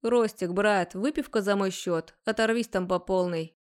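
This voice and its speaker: A woman's voice: medium pitch, lightly acted. Woman doing a cheeky teasing young man. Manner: mischievous, grumbling, unhurried.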